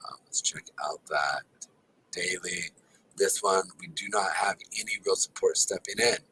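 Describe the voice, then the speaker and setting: Male chart analyst, very low bright-edged voice, tired, sore throat, casual filler-laden commentary, faint noise behind. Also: a little slow, low-quality recording. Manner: casual, filler-heavy, addresses viewers as guys. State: tired and exhausted; throat not feeling well. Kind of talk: live market chart commentary.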